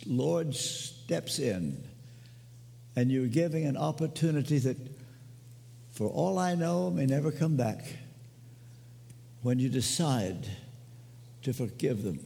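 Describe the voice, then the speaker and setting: Older male pastor, slow deliberate sermon delivery, lively pitch, long hall reverb. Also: gravelly. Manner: slow, emphatic preaching with dramatic pauses.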